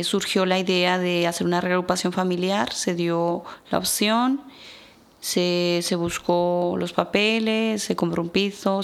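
A woman in her thirties with an Ecuadorian Spanish accent, a radio guest telling her story in a slow, reflective way. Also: lowish voice, vocal fry. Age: 30s. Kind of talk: personal testimony in a radio interview.

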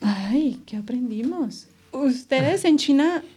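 A woman's voice: high-pitched, expressive, slow, mellow, husky. A Mexican woman hosting a casual round-table chat, playful and often laughing as she acts out quotes. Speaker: host.

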